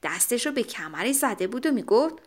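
A woman narrating a children's story in an animated, expressive way. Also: a little high, a little hiss or hum.

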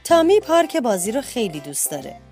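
A woman reading a children's bedtime story aloud with expressive delivery. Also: over music. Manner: expressive reading, lifts pitch for children's shouts.

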